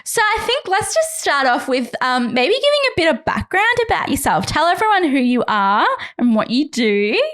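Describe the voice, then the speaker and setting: A woman hosts a podcast over a video call. Her voice sits high and swings widely in pitch. She talks in a bubbly way and giggles between her lines. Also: very animated, moderate pace, few pauses, a bit bright. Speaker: podcast host. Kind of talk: casual interview chat.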